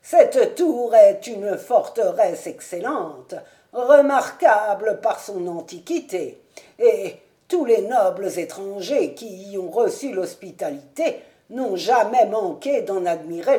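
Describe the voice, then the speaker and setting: A woman's voice: medium pitch, animated, takes it slowly, mellow. A woman voicing a fussy, anxious old male castle servant with a quavering voice in an audiobook. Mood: fretful. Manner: quavering, fretful, exclaiming.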